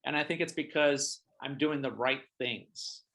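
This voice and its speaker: A man's voice: medium pitch, a little slow, fairly bright tone. A man hosting an interview as a realtor, talking casually and hesitantly with repeated words and fillers.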